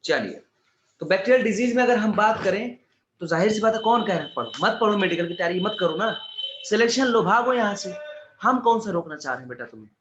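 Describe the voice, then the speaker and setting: Here an exam-prep teacher sits high in pitch, sounding expressive, a bit bright and fairly quick, with a little hiss or hum on the track. Casual and chatty, he calls students "beta" and tosses in jokes and asides, in an echoey room where the audio is slightly dull.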